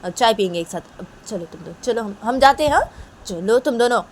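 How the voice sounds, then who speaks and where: A woman voicing a flustered mother who hurries her daughters out, talking high, loud and insistent with lots of repeats. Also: animated, fast, slight background noise, lightly acted. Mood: flustered, bustling.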